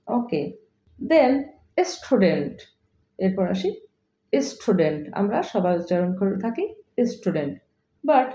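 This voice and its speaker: A woman with a Bangladeshi accent, a native Bengali speaker, teaching English pronunciation, spelling words letter by letter and repeating example sentences slowly. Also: mid-range voice, warm tone, reverberant. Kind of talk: pronunciation lesson.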